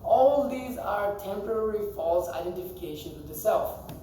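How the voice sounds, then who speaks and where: A man's voice: sits high, expressive, moderate pace, mellow, a little hiss or hum. A man teaching a scripture class to a group in a temple, talking conversationally, quizzing the audience and laughing often. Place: temple hall. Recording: echoey hall, mic far off.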